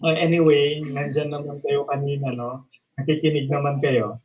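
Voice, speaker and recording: A man with a Filipino accent, facilitating an online class over a video call, brisk and mixing English with Tagalog. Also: a little high, level tone. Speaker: course facilitator. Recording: dull lo-fi video call audio.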